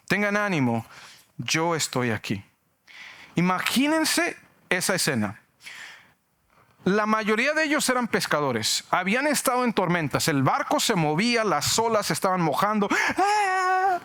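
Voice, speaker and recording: Lively high-voiced pastor preaching. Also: male voice. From Mexico. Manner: animated preaching with jokes and acted-out shouts. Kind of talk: sermon.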